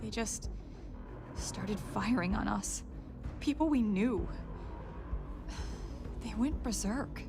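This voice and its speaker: An actress playing a shaken, distressed female officer in a video game, halting and pleading. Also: mid-range voice, vocal fry, music in the background. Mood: shaken, grieving.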